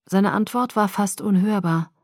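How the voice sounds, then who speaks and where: A woman narrating a first-person novel in a calm, even storytelling voice. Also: mid-range voice, measured pace, dry recording, studio quality. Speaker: audiobook narrator.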